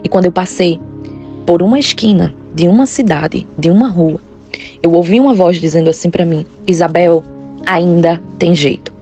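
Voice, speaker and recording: A woman reads a personal testimony in the first person. Her voice sits low and mellow, and her delivery is earnest and confessional. Faint music plays beneath her. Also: lively intonation, fairly quick. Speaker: testimony narrator.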